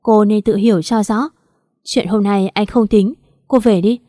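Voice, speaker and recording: A woman's voice: mid-range voice, steady tone, unhurried, warm tone, no echo, studio quality, close to an everyday voice. A woman voicing a firm, scolding young husband who is a policeman. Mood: stern.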